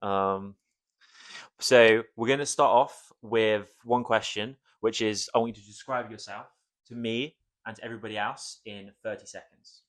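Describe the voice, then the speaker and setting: A man's voice: lowish voice, fairly even intonation, normal speed, a bit bright. Jokey young male podcast host. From Cornwall. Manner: jokey, teasing, chatty with fillers. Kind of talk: casual podcast chat. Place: home.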